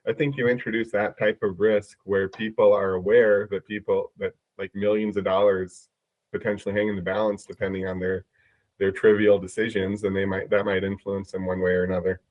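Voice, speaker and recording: A man with a Midwestern accent chats on a podcast in a low voice. He stumbles and repeats words while he thinks. The recording is dull and dry, like a lo-fi mic. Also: level tone, brisk, no room sound. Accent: Midwestern American. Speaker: podcast co-host. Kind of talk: casual podcast discussion.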